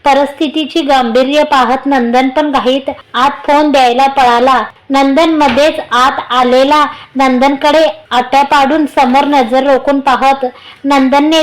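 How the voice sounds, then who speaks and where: A woman storyteller giving steady, plain scripted narration of a serialized romance. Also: sits high, low-quality recording.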